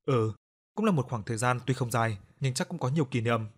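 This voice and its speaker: A man's voice: mid-range voice, animated, fairly quick, husky. A man voicing a grieving middle-aged father who speaks in a subdued, sad way about his only son. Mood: sorrowful.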